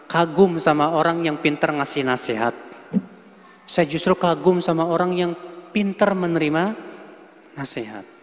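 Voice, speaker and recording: A man preaching a sermon to a congregation, often addressing them as "Pak" and checking in with "ya," and acting out quoted speech with lively swings. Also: fairly high pitch. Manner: addresses the audience as Pak and antum, with repeated "ya" checks. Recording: hall with long reverb.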